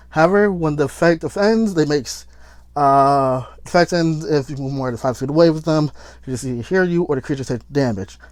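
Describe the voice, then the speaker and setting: A man with a somewhat high voice reads tabletop rules aloud in a hurried, stumbling way, restarting words as he goes. He breaks off to argue his case like a commentator. The sound is close and dry, with no room around it. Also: darkish tone, no echo. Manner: rushed, stumbling reading with restarts. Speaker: YouTube commentator. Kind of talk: reading rules aloud and arguing.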